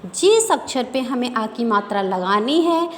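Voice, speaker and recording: A woman teaching a reading lesson to young children, sounding out syllables slowly and repeating each word. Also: fairly high pitch, very animated. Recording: faint background noise, long reverb.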